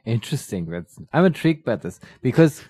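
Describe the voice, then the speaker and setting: A man's voice: medium pitch, very animated, brisk, dark tone, slightly rough, no echo, clean studio sound. A man co-hosting a let's play with casual, joking commentary.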